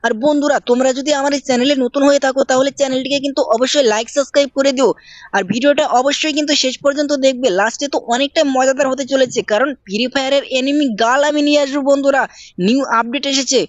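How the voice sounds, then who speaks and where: Here a woman offers relaxed, talkative commentary over a mobile game, addressing viewers directly and voicing characters. Her high voice keeps fairly even intonation and comes out rapid-fire, with dry, lo-fi sound.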